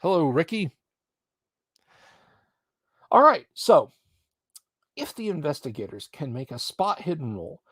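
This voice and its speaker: A man with a mid-pitched voice acts as game master on a live stream. He reads scenario text aloud and comments on the rules, recorded close and very dry. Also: dry recording.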